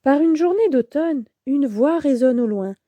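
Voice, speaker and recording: A woman narrating a children's storybook in a slow, gentle, expressive way. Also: sits high, no room sound, muffled recording.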